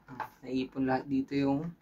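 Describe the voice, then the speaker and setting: The warm, medium-pitched voice belongs to a Filipino-accented man hosting a laid-back hands-on tutorial. He speaks flatly at a moderate pace, thinking aloud and checking in with viewers. The recording is muffled, with slight background noise.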